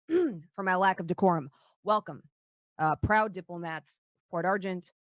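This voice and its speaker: A woman's voice: mid-range voice, a bit bright, no echo, close to an everyday voice. A woman voicing a pompous, exasperated male dwarf town leader with a formal, blustering manner in a tabletop game. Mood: apologetic, formal.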